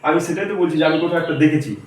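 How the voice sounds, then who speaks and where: A man's voice: on the high side, very fast. A male teacher giving a classroom lecture, explaining step by step and quizzing his students. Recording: echoey room, mic far off.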